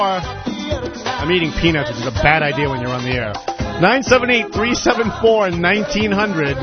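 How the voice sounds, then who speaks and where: A man hosting a talk radio show, giving opinionated commentary with sarcastic, animated asides. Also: on the high side, muffled recording. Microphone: studio microphone.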